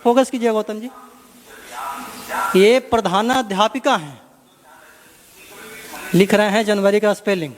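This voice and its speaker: A man's voice: sits high, unhurried, pauses often. A man interviewing someone in a short video clip, insistent and prodding. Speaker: interviewer in a social media clip. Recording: reverberant replayed clip, faint noise.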